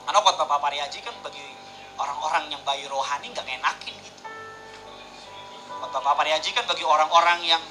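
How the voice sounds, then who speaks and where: A man preaching a sermon as pastor, in a casual, emphatic way that swings between loud and hushed. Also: sits high, low-quality recording.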